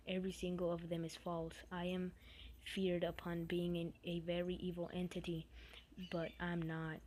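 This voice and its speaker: Trapped game ghost guy begging for help, low and flat, half whispered, woman reading it. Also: a little hiss or hum, lightly acted. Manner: hushed, partly whispered. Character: trapped male game entity pleading for help.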